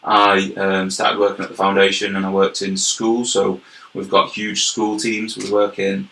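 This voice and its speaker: Low-pitched, bright and forceful, a young Yorkshire man from York speaks in a completely flat delivery at a measured pace. As a guest in a casual interview, the health and wellbeing manager earnestly explains his work in detail, often repeating words. The echoey recording carries a faint hiss or hum.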